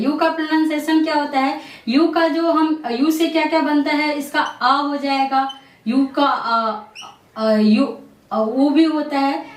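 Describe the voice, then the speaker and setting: Lady teacher, high voice, asks then answers her own questions, far off mic in an echoey room. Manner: repeats questions and answers them herself, lots of "theek hai". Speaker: English pronunciation teacher. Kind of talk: classroom-style lesson explanation.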